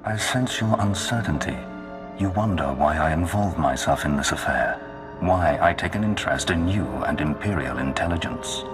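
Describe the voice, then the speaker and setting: An actor playing a menacing, grandiose Sith dark lord, commanding and slow in manner. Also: male voice, low voice, animated. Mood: ominous, grandiose. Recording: long hall reverb under loud music.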